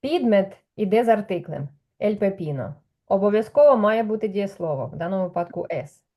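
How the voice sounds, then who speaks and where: A woman's voice: mid-range voice, lively intonation, brisk, warm tone. A woman teaching Spanish in a patient one-on-one lesson, explaining step by step and checking with questions.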